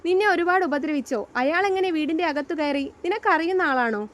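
A woman's voice: extremely high pitch, a little fast. A woman reading as Dev, a heartbroken young husband. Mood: tender.

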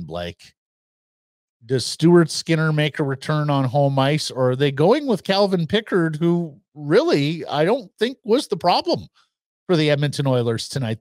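A man in his fifties co-hosting a post-game hockey podcast, speaking in a measured, analytical way and running through stats, recorded on a studio mic in a small room. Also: a little high, darkish tone, dry recording. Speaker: podcast co-host. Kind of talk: casual sports analysis. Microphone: studio mic on boom arm with headphones.

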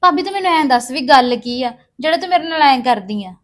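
An actress playing a young sister-in-law who pleads and defends herself. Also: female voice, high-pitched, animated, fast. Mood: pleading.

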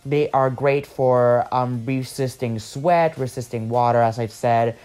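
A man's voice: mid-range voice, fairly even intonation, a little slow, darkish tone, smooth, faint music behind. Man, casual voice-over, chatty, rambling, lots of fillers, home recording. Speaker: makeup artist.

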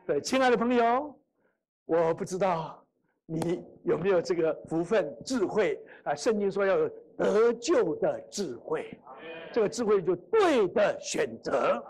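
A woman preacher tells a story from the pulpit, and her pitch swings up and down as she acts out each character. Her voice is slightly husky. She sounds middle-aged. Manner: lively storyteller acting out dialogue. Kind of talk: gospel sermon with storytelling. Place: church meeting hall.

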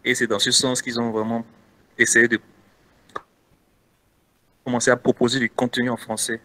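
A man's voice: mid-range voice, flat delivery, moderate pace, pushed and bright. A man with a Beninese French accent answering interview questions casually as a guest content creator, hesitant with many restarts.

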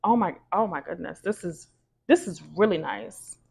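A woman's voice: fairly low pitch, animated, moderate pace, gravelly, a little mellow, breathy edge. A young woman savoring a smell in a casual first-impressions product review, lingering appreciatively over it. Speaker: candle reviewer. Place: room at home.

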